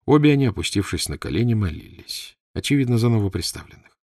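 A man reading an audiobook in measured scripted narration, close to the mic. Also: on the low side, big pitch swings, a little mellow, no echo.

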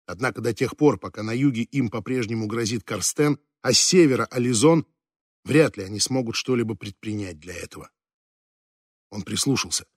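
A man reading a fantasy novel aloud as an audiobook narrator, with measured, slow, dramatic phrasing that sinks at the ends of phrases. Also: mid-range voice, slightly rough, no echo, clean studio sound.

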